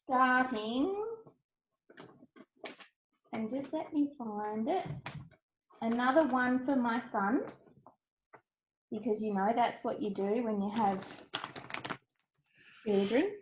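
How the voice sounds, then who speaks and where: Slow-paced woman on a noisy call. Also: fairly high pitch, highs cut off. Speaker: co-host of a craft video blog. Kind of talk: casual show-and-tell chat. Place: indoor room at home, on a video call.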